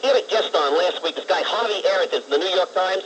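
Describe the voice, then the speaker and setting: A man's voice: sits high, quick pace, fairly bright tone, a little hiss or hum, rough recording. A man phoning a talk radio show, ranting angrily over the telephone. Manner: angry, ranting. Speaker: caller.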